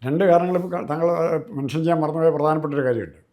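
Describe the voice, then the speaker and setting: A man, a political commentator talking fast and emphatically, piling up examples. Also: on the high side, mellow. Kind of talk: political discussion.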